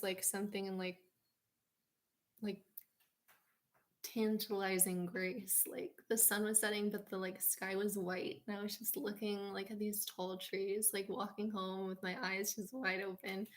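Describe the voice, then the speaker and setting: Dreamy, rambling American woman. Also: medium pitch. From United States. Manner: dreamy, meandering, many fillers and "like". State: sleepy. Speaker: vlogger. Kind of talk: rambling personal storytelling.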